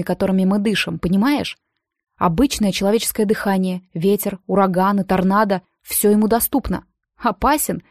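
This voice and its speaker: A woman voicing a chatty, pushy young male student who confides gossip in a hushed tone, in an audiobook. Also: mid-range voice, no room sound, studio quality, close to an everyday voice.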